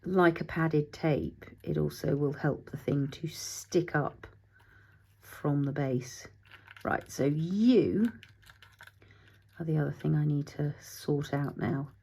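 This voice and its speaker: A woman's voice: deep voice, slow, creaky, darkish tone, breathy edge. A middle-aged woman hosting a casual craft tutorial, chatting as she works, thinking aloud and talking to her materials, sometimes dropping to a whisper.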